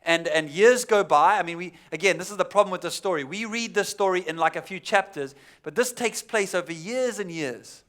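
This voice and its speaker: A pastor with a high-pitched voice, preaching a sermon to his church. He is from South Africa and tells the story in a relaxed, conversational way, sinking to a near hush at the serious moments. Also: a little fast, hardly any pauses.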